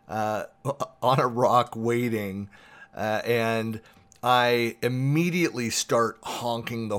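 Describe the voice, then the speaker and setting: A man's voice: mid-range voice, fairly bright tone. A middle-aged male podcast host spinning a personal anecdote. He talks in a loose, conversational way, full of little fillers. Now and then he chuckles as he lets the story build.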